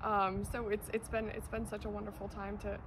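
A young woman, a student tour guide, answering interview questions with warm, gushing enthusiasm. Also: mid-range voice, little pitch movement, brisk, noisy background. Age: young adult. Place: outdoors by chapel doors.

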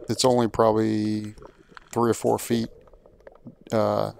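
A man with a low, gravelly voice narrates his boat trip in an easy, rambling way, with plenty of fillers. His pitch barely moves, so the talk comes out flat and steady. A faint hiss sits under the recording. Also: takes it slowly. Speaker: vlogger. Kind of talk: casual vlog narration.

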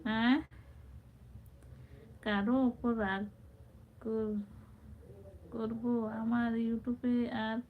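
A woman's voice: fairly high pitch, flat delivery, extremely slow, pauses often. A woman hosting a casual live stream, chatting affectionately with viewers and reading out their comments. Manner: chatty, affectionate, calls viewers brother and sister. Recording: tinny phone-like sound with faint background noise.

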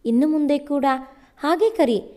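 A woman's voice: sits high, measured pace, dark tone. A woman voicing a tender young husband. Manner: tender, reassuring, patient. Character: young man, gentle loving new husband.

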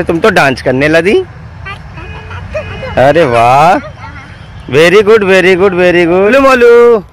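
Dad vlogger, unhurried and playful, teasing his little ones outdoors, phone-recorded. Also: high-pitched. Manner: playful, coaxing talk to small children. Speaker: father and vlogger. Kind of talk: casual family vlog chat. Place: outdoor park.

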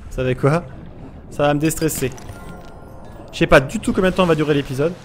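A man's voice: on the high side, fairly quick, soft background music. A gaming YouTuber commentating a let's play, jumpy and easily scared, yelping and talking to the creatures he meets. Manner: jumpy, frightened, talks to creatures, yelps.

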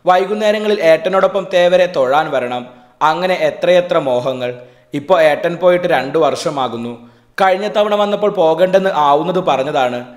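Man, story narration, calm steady reading, slightly high voice, echoey room.

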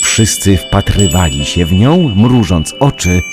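A low-pitched man tells a children's story in a sing-song, dramatic yet measured way, with music running beneath his voice.

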